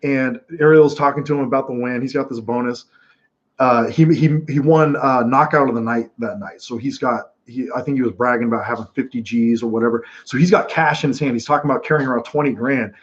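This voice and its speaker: A man hosting casual live fight commentary from home, telling stories in a rambling, animated way with many restarts. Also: medium pitch, a little fast. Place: home room watching fights. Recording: dull lo-fi sound.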